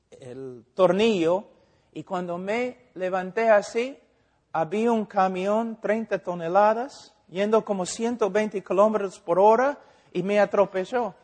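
Male preacher with a high voice, lively sermon acting out little scenes, in a church hall. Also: slow. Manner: animated, acts out dialogues and rhetorical questions. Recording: long hall reverb.

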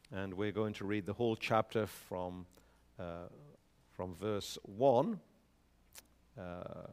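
Slow, deliberate pastor at a pulpit microphone. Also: male voice, fairly low pitch. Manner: slow, measured reading with rising emphasis; frequent fillers when speaking freely. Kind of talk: scripture reading and sermon announcements.

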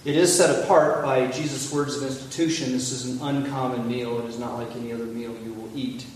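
A man's voice: mid-range voice, little pitch movement, darkish tone. Male pastor, liturgical reading, cathedral echo with long reverb, distant mic, faint hiss. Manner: measured, solemn prayer recitation. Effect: heavy cathedral-like echo. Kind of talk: leading a communion liturgy. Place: large church sanctuary. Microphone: far from the mic. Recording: echoey hall from far off, faint hiss.

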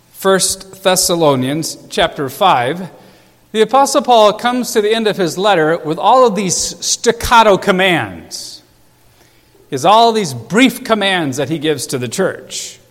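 A man's voice: sits high, a bit bright. A male pastor preaching a sermon in a church, emphatic and repeating phrases for stress. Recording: long church reverb.

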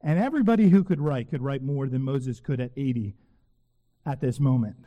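A man preaching a sermon in a church sanctuary, earnest and emphatic, slowing down to repeat phrases with weight. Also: medium pitch, mellow. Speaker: pastor. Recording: long reverb of a church hall.

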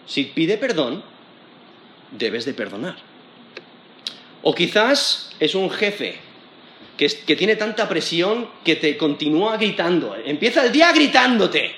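A man's voice: a little high, sing-song, takes it slowly, pauses often, sharp tone, roomy sound, a little hiss or hum. A man with a Spain Spanish accent preaching an expository sermon in a conversational way, with frequent restarts and tag questions.

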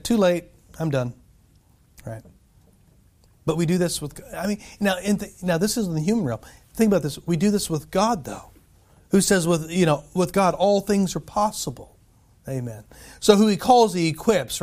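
A man preaching a sermon in a conversational way, often asking "right?" and chuckling between points. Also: a little high. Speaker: pastor.

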